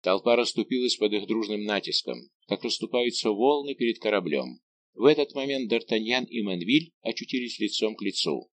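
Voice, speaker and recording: A man's voice: lowish voice, moderate pace. A man narrating an adventure novel as an audiobook, telling it in a dramatic, vivid way. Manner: expressive, vivid storytelling.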